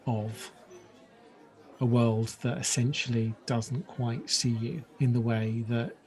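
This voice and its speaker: Brief: male podcast co-host, unhurried and reflective, quick to laugh. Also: medium pitch, fairly even intonation, a little mellow. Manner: laughs often, slow and reflective. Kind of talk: casual chat.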